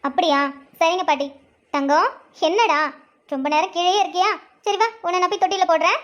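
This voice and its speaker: A stubborn young mother in a cartoon, put on by a woman, high-pitched and quick-talking. She speaks firmly and curtly with a bitter edge. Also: muffled recording. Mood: calm. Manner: firm, curt, bitter.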